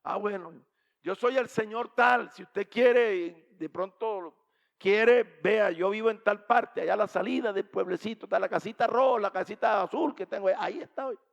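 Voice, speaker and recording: A man's voice: high voice, normal speed, gravelly, in a large hall, highs cut off, voice pushed up. A man doing a humble old country evangelist. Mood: inviting. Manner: gentle, inviting.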